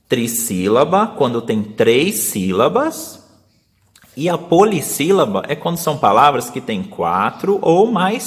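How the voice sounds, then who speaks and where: A man with a Brazilian Portuguese accent, a teacher explaining a lesson step by step and slowly sounding out syllables for young pupils. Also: medium pitch, fairly bright tone, in a large hall. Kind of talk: remote class video lesson.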